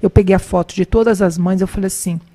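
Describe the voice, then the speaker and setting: A middle-aged woman talks with a mellow, warm tone as a guest in a conversation. She tells stories and acts out the dialogue, and her pitch jumps up when she does. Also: quick pace. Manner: recounts events by acting out dialogue, animated pitch jumps. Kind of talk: conversational storytelling.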